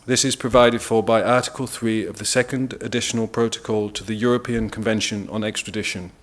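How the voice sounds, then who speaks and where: A man with a British accent giving a formal legal presentation, measured and deliberate, stressing key words. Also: lowish voice, fairly even intonation. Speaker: international lawyer speaking at a press briefing.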